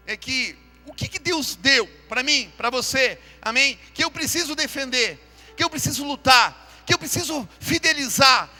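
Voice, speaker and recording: A pastor preaches fervently at a live church service, his high voice pushed and bright. He calls out to the congregation and has them repeat after him.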